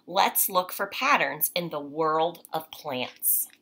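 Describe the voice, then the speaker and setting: Reading to children indoors at home, a mother and teacher in her thirties keeps explanations simple and frequently checks in with brief tags. She speaks slowly in a low, sharp-toned voice with lively intonation.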